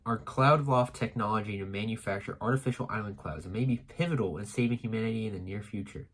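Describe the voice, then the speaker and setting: A man reading a comic aloud for a casual reaction stream, in a steady, plain delivery. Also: fairly low pitch, fast talker.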